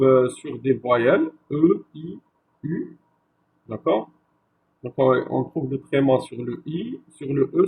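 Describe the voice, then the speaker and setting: A male university lecturer giving a classroom lecture, slow and repetitive, checking with his listeners after each point. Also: fairly high pitch, darkish tone, a little hiss or hum, poor audio. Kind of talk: classroom lecture on French spelling.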